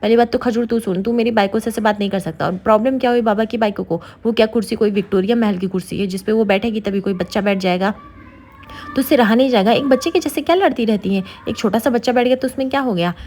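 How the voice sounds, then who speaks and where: A woman's voice: a little high, quick pace, darkish tone, slight background noise, natural voice. A woman doing a brash mocking young man. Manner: teasing, blunt, mocking.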